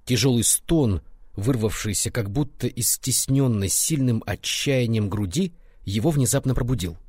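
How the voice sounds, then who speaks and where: A man narrating a literary story as an audiobook, with a measured, expressive reading. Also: medium pitch, slightly rough, dry recording, studio quality.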